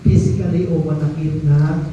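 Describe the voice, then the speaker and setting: A man's voice: on the high side, flat delivery, normal speed, mellow, muffled recording, slight background noise. A man with a Filipino accent preaching a sermon in a church, mixing Filipino and English and reading scripture aloud. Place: church hall. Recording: echoey hall from far off.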